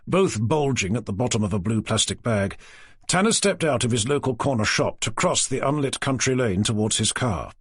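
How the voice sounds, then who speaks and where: A male narrator reading a thriller audiobook in a steady, measured way. His voice is husky and moves a lot in pitch, and the recording is close and dry. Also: dry recording.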